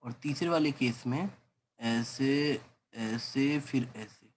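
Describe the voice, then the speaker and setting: Speaking slowly in a mid-range voice, with slight noise in the background, a man teaches a physics class. He calls the listener "beta," nudges students along, and turns their doubts into questions.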